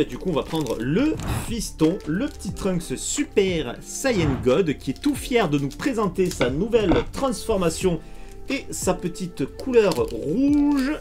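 A chatty, excitable man with a fairly high voice talks straight to his viewers as he opens trading card packs. His commentary is casual, and soft music plays faintly underneath. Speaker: card unboxing youtuber.

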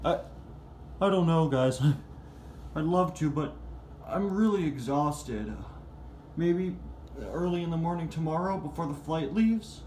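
A man voicing a tired, sneezy male toy car who keeps apologizing in a gentle, worn-out way. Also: on the high side, a little slow, pauses often, echoey room, slight background noise, lightly acted. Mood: weary.

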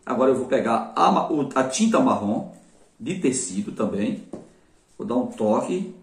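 A man's voice: medium pitch, expressive, moderate pace. Man, Brazilian Portuguese accent, casual craft tutorial, talks to viewers, roomy echo, distant mic. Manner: chatty, addresses viewers as "gente" and praises his work. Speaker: craft instructor.

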